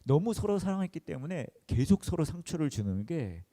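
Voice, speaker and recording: A man's voice: fairly high pitch, very animated, moderate pace, dark tone. A pastor in his forties giving a sermon, telling a personal story in an earnest, emotional way at a church service.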